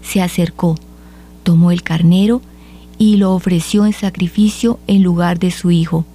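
Female liturgical reader, mellow dark tone, steady solemn delivery. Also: on the low side. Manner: measured, solemn reading. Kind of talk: liturgical scripture reading.

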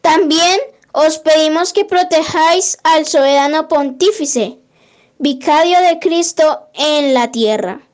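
A woman with a high, light voice leads a prayer, taking each verse at an unhurried, deliberate pace. Her recitation is measured and devotional, with the steady cadence of someone reading a litany aloud. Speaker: prayer leader.

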